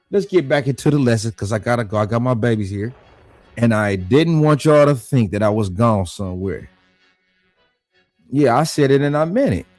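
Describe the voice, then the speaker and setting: A man hosting his own channel, talking in a blunt, combative rant, firing off repeated rhetorical questions and climbing higher in pitch as he gets worked up. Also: darkish tone, no echo. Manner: voice rises high when worked up. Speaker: dog breeder and channel host. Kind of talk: heated casual monologue.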